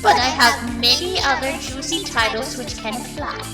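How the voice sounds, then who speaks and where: A woman's voice: sits high, lively intonation. A woman playing a flamboyant, grandiose, cheerfully mad wasteland captain of indeterminate gender, theatrical and pompous, in a comic dub. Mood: haughty, amused. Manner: theatrical, pompous, slow grand declarations with sudden swoops. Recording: long reverb, loud music behind.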